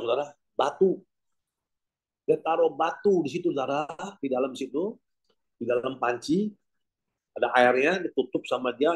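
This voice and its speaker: A man's voice: medium pitch, low-quality recording. A man preaching an evangelistic sermon over a video call, telling a story and closing in prayer, repeatedly addressing listeners as brothers and sisters.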